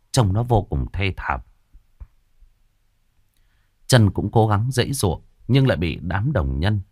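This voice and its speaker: A male storyteller narrating a ghost story with dramatic suspense. His voice is low and husky, and it rises and falls with lively expression. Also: no echo, studio quality.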